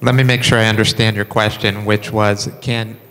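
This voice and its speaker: A man's voice: lowish voice, level tone, moderate pace, fairly bright tone. A man answering board questions precisely on a handheld microphone. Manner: clear, precise explanations. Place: large meeting room. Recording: long reverb.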